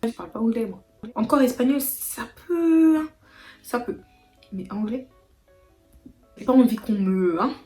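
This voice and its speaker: A young woman with a French accent answering viewer questions in a casual vlog, emphatic and animated, repeating words for emphasis. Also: medium pitch, moderate pace, pauses often, roomy sound, faint music behind. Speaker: vlogger.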